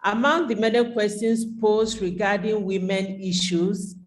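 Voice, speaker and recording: A woman, a nun, giving a prepared talk in a measured, formal way over a video call. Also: medium pitch, fairly even intonation. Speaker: nun and invited speaker.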